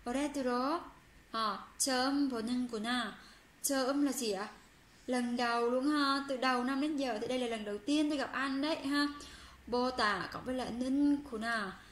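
Brief: woman language teacher, high voice, patient and repetitive delivery, roomy recording. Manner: patient, repeats phrases slowly for learners; reads Korean example sentences quickly. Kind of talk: explaining a language lesson. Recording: roomy with faint background hum.

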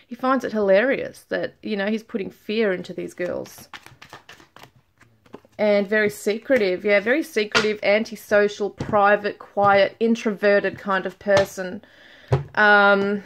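A middle-aged woman doing a casual tarot reading to camera at home, thinking aloud with many fillers and restarts. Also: mid-range voice. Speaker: tarot reader.

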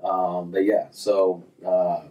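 Low-voiced man in easy, rambling chat. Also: slow pace, distant mic, rough recording. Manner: relaxed, rambling, many fillers and restarts. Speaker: golf instructor, guest. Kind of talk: casual interview chat. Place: small office with framed diplomas.

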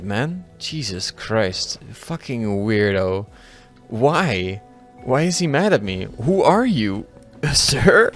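A young man giving excitable let's-play commentary, swearing freely and chatting to his viewers. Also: fairly low pitch. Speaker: gaming YouTuber.

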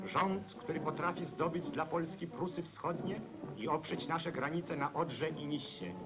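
Male narrator, old 1940s newsreel sound, formal declamatory delivery, fairly high voice, dull lo-fi film audio, loud music underneath. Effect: old 1940s newsreel recording.

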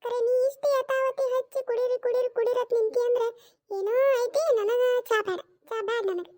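Squeaky stubborn cartoon mother-in-law, as one voice actor does both parts. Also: level tone, darkish tone. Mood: irritated. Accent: North Karnataka Kannada. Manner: scolding, refuses stubbornly, drawn-out retorts. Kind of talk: cartoon comedy skit.

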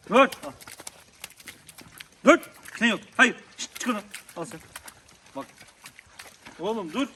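A man's voice: sits high, animated, unhurried, pushed and bright. Man firmly commanding stray dogs outdoors. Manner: firm, repeated short commands to dogs. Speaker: vlogger feeding stray dogs. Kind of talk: casual outdoor vlog talk. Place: outdoors by a road in the countryside. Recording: outdoor recording with clear background noise.

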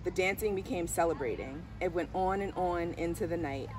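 Seated on a garden bench in the shade of trees, a middle-aged woman, her school's diversity director, reads a picture book aloud like a storyteller. She speaks at a normal speed in a voice on the low side. The camera sits a few steps away, so outdoor noise comes through.

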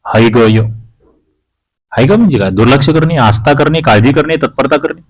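Male tutor from maharashtra working through a grammar quiz, reads out the choices, then explains, mid pitch. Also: moderate pace, poor audio. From Maharashtra, India. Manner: reads options aloud, then explains the answer. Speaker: exam-prep teacher. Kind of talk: quiz walkthrough lesson.

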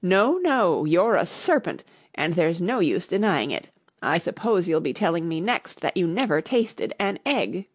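A woman's voice: mid-range voice, very animated, moderate pace, slightly rough, dry recording. A woman voicing a frantic, quarrelsome mother pigeon in a storybook, complaining and exclaiming with suspicious scorn. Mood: scornful. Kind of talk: storybook character reading.

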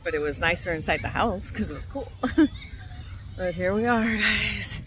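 Walking through a park, an older woman vlogs in a mid-range voice with lively intonation at a normal speed. She's a bit winded as she chats casually and coos to her dog in baby talk, and the outdoor phone audio carries background noise.

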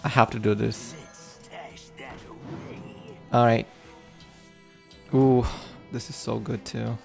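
A young adult man streams a video game from a room at home, giving casual, playful commentary over game music. His mid-range voice is flat, slow, creaky, and darkish. He repeats words, and his mouth sounds a little numb.

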